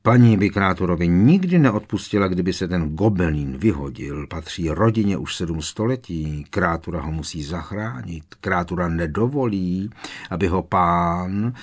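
A man's voice: deep voice, expressive. A man voicing a bitter, servile old male house-elf who mutters to himself, read as an audiobook character. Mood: muttering, resentful. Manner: muttering under his breath.

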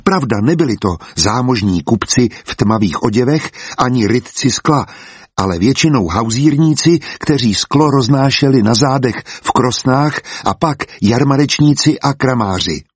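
A man narrating a storybook as an audiobook, calm and even. His voice is husky and sits at a middle pitch. The sound is dry and close to the mic. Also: hardly any pauses, no room sound.

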